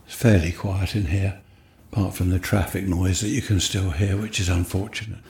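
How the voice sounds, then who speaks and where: A man's voice: deep voice, flat delivery, normal speed, a little mellow, husky. A man from West Sussex, chatting and rambling as he narrates a casual walkabout vlog on a handheld microphone. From West Sussex, England. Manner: chatty, rambling, thinking aloud. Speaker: vlogger.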